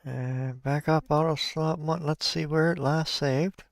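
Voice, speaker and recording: Guy playing a game and talking it through real slow, chatting to viewers. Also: fairly high pitch, steady tone, gravelly, dry recording, clean studio sound. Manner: thinks aloud, talks to viewers. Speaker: let's play host. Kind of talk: casual gameplay commentary.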